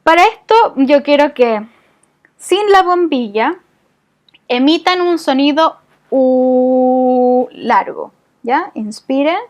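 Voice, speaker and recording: High-voiced woman teaching a voice class. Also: lively intonation, slow pace, long pauses. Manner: patient, explanatory, frequent check-ins with the class. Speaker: voice therapy instructor. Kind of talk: community class lesson.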